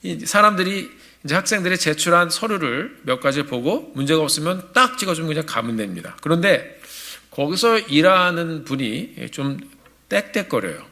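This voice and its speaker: Bright-voiced male pastor telling a story. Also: on the high side, moderate pace. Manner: storytelling, animated. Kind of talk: sermon. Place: church sanctuary.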